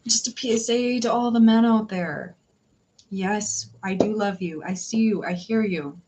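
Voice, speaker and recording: Hosting a tarot livestream, a woman talks with viewers in a medium-pitched voice at a measured pace, over a noisy background. The tarot reader is chatty and giggly, laughing often and rambling with restarts and fillers.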